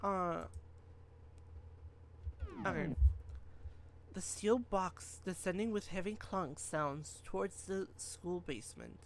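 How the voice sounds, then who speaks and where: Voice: mid-range voice, a little slow, few pauses, slight background noise. A game streamer reading story text aloud during a live playthrough, stumbling, rereading and chatting to viewers.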